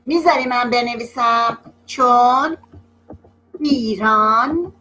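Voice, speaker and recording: A woman teacher leading an online class for young children, slow and patient, drawing words out and praising often, heard over a video call. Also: high-pitched, animated, bright, forceful tone, poor audio. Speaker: primary school teacher.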